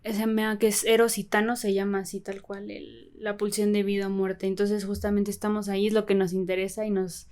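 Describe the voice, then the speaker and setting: A woman's voice: medium pitch, little pitch movement, brisk, few pauses, darkish tone. A woman, a podcast guest explaining ideas in an earnest, casual chat. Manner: explanatory, earnest, leans on "justamente" and "exacto".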